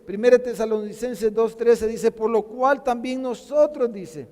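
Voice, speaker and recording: A man's voice: extremely high pitch, darkish tone, big-room sound. A man preaching a sermon to his congregation, often calling them brothers and repeating words as he builds a point. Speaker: pastor. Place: church sanctuary.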